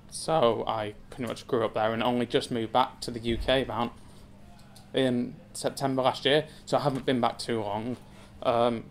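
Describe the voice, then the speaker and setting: A man in his twenties from England, a zoo community engagement assistant, tells a personal story at a lectern in a wood-panelled room to a seated audience. His ordinary mid-pitched delivery is hesitant and casual, full of ums and light self-deprecation. There's slight background noise.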